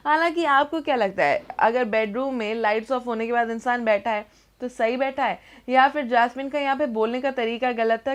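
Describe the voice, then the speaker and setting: A young adult woman presenting entertainment news in a chatty scripted narration, slipping English phrases into her talk. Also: on the high side.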